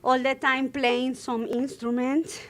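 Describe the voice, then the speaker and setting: A woman's voice: high-pitched, level tone, slow pace. A Spanish-native woman, a flamenco dancer interviewed as a guest, talking hesitantly and searching for English words with many fillers. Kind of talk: interview conversation.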